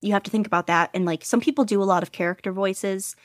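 The guest, a podfic narrator, has a mid-range voice recorded in clean studio sound with no room noise. Her conversation meanders in a lively, self-deprecating way, and she laughs at herself readily.

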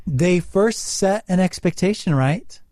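A man's voice: sits high, animated, a little slow, a little mellow. A man co-hosting a casual gaming podcast, joking and rambling through stories.

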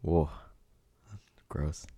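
A man's voice: extremely slow, mellow, dry recording, studio quality. A man co-hosting a comedy podcast who rambles through ideas with plenty of fillers and keeps breaking into laughter. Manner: giggly, rambling, full of fillers. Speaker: podcast co-host. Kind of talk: casual comedic chat.

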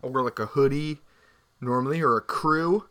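A man co-hosting a podcast, chatting casually with rambling jokes and quick asides. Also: medium pitch, bright, forceful tone. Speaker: podcast co-host. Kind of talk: casual chat.

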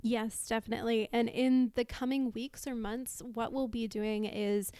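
A woman's voice: fairly high pitch, fairly even intonation, normal speed, mellow, smooth, no echo. Upbeat woman co-host, dry close mic. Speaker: podcast co-host. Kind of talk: casual podcast chat.

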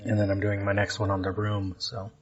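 A man's voice: fairly low pitch, completely flat delivery, brisk, highs cut off. A man hosting a podcast in casual chat, talking over a video call and laughing easily. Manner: chatty, self-deprecating, laughs easily. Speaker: podcast host.

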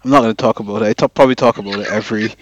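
A man's voice: on the low side, fairly even intonation, rapid-fire, dry recording, lo-fi sound. A man chatting casually as a podcast regular, in a hesitant and understated way. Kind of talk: casual chat.

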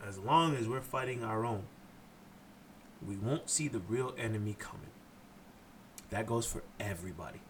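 A man's voice: lowish voice, moderate pace, pauses often, a little hiss or hum. A man from Haiti hosting a solo podcast, blunt and impassioned, cursing freely as he lectures his listeners. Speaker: podcast host.

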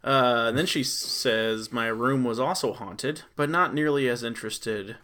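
A man's voice: medium pitch, unhurried, pushed and bright. A man hosting a podcast, reading listener stories aloud and riffing on them in chatty, playful banter. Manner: chatty, laughs often, reads stories then riffs on them. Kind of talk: casual chat and reading aloud.

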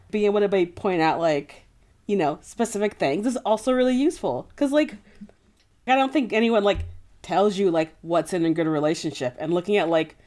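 With a lowish, slightly mellow voice, this woman co-hosts a casual podcast book discussion. Her speech is informal and heavy on "like."

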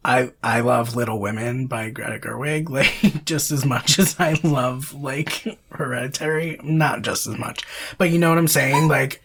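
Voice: medium pitch, fairly even intonation, measured pace, vocal fry, fairly bright tone, breathy edge. A podcast co-host chatting casually about films, rambling with lots of fillers and self-corrections. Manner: laughs often between phrases.

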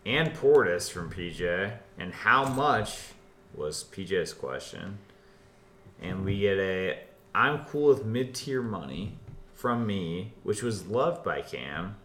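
A man co-hosting a casual sports podcast, speaking in a measured way and keeping the show moving. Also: low voice, lively intonation, fairly bright tone. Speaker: podcast co-host. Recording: faint background noise.

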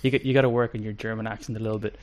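Relaxed male podcast host. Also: fairly low pitch, rapid-fire. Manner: easygoing, teasing questions. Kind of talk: casual interview chat.

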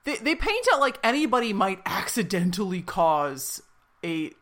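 A woman's voice: medium pitch, sing-song, moderate pace, fairly bright tone. A woman podcast co-host in casual chat, animatedly retelling a TV episode with frequent giggles and fillers.

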